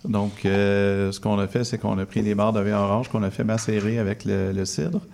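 Gravelly-voiced Québécois man, hesitant. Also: on the low side, fairly even intonation, moderate pace, darkish tone, a little hiss or hum. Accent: Québécois French. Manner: hesitant, many fillers. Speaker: cider maker guest. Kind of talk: radio interview. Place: radio studio.

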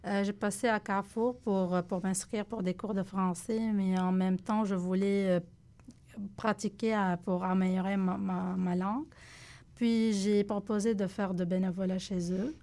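A Lebanese woman whose first language is Arabic answers radio interview questions as a guest, speaking halting French as she searches for words in her second language. Her voice is medium-pitched and dark, with a steady tone.

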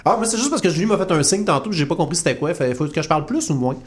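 A man's voice: a little high, expressive, very fast. A man with a Quebec French accent, a regular panelist on a comic radio show, arguing in a jokey way. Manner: argumentative, jokey. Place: radio studio.

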